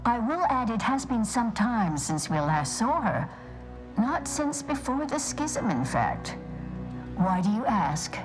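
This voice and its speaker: Over music in a rough recording, a woman with a slightly high, sing-song voice speaks slowly as a prim, pedantic scholar from a stoic order in a video game. Her delivery is formal, precise, prim, and measured.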